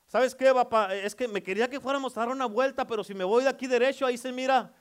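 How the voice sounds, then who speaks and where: A preacher voicing a headstrong young son, high and clear. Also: male voice, quick pace. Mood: stubborn. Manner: earnest, pleading with his father.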